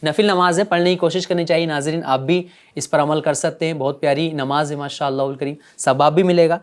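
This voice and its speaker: A man teaching a religious lesson to children, gently coaxing them with repeated questions. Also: fairly high pitch, fairly even intonation.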